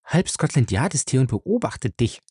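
A man's voice: medium pitch, sing-song, moderate pace, darkish tone, husky, no room sound, clean studio sound. A man voicing an elegant young woman who chides and warns, reading an audiobook. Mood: chiding.

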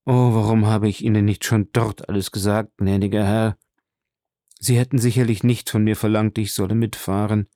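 A man's voice: medium pitch, darkish tone, dry recording, studio quality, close to an everyday voice. A man voicing a terrified, superstitious male steward who stammers and pleads.

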